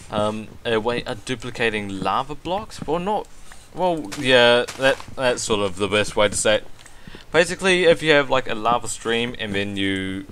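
A man hosting a gaming video, chatting casually over his gameplay, excitable, with lots of ums and laughs. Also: medium pitch, a little hiss or hum.

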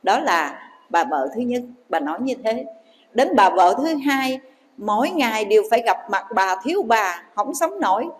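A Buddhist nun telling a story in a dharma talk, addressing the audience directly. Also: female voice, fairly high pitch, very animated, moderate pace. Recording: long hall reverb.

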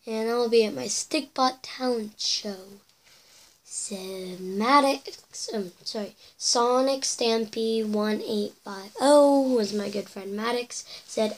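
Her voice on the high side and a little mellow, a teenage girl casually reads viewer comments to her webcam in her bedroom. She rambles and whispers asides, her voice somewhat cracky since she's losing it.

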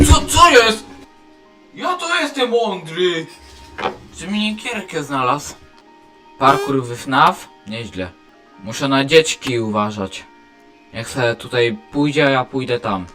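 A man doing let's play commentary, excitable, often yelling at characters in the game. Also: medium pitch, slow pace, pauses often, soft background music. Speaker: gamer.

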